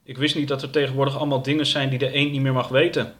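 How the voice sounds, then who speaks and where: A man's voice: medium pitch, flat delivery, very fast, a bit bright, pitched above the performer's own voice, close to an everyday voice. A man voicing a dry-witted, blunt male duck in a storybook reading.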